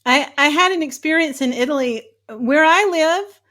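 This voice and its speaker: Female talk host, high bright-pitched voice, chatty and upbeat, easy conversational questions. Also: moderate pace. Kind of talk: casual interview chat.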